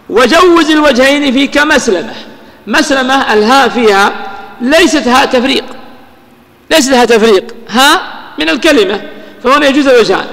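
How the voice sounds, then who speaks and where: A man's voice: high-pitched, fairly bright tone, in a large hall. A man teaching a grammar lesson, explaining step by step and asking his students questions he answers himself. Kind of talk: classroom lecture on grammar.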